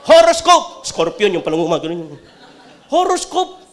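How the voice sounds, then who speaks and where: Filipino male pastor, high lively voice with wide swings, comic and fervent sermon delivery. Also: brisk. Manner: animated, jokey preaching that swings between loud outbursts and quiet talk.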